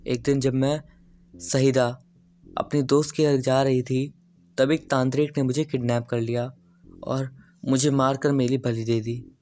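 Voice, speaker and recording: Gentle girl ghost , as a male narrator reads her, quick and confiding, ordinary pitch. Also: flat delivery, lightly acted. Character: young woman ghost, gentle and grateful.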